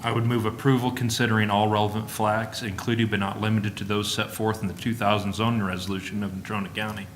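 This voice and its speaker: A man speaks formally at a public meeting in a flat, fairly low voice. His delivery is halting. The room rings with clear echo around him. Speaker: planning commission member. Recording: echoey room, faint background noise.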